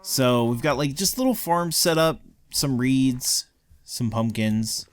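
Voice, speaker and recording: A man with a mid-range voice and lively intonation speaks slowly as a let's play co-host. He gives a casual, rambling tour of a game world, full of ums and likes.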